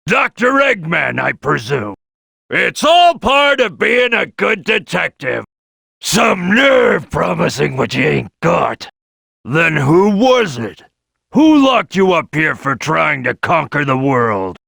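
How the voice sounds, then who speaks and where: A loud, bright cartoon crocodile boss. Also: male voice, a little high, sing-song, takes it slowly, vocal fry, no echo, exaggerated voice. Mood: sly, businesslike. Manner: boisterous, cocky, streetwise, barking. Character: gruff, brash, bossy male crocodile detective boss. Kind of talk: animated video game character acting.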